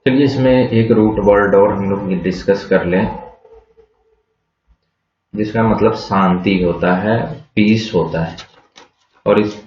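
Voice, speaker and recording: A man gives a slow, patient vocabulary lesson in a fairly low voice, spelling out words letter by letter and quizzing his class with questions he answers himself. The sound is muffled and lo-fi, with an echoey room around him. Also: a little mellow, slight background noise. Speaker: English vocabulary teacher.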